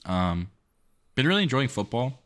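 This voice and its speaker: A man's voice: medium pitch, very animated, normal speed, a bit bright. A man co-hosting a podcast in casual, joking banter with his friend. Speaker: podcast co-host. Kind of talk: casual chat.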